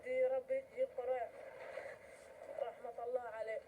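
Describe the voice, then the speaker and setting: A man's voice: very high voice, flat delivery, fairly quick, noisy background. A young boy with a Gazan Palestinian accent, answering questions in a street interview.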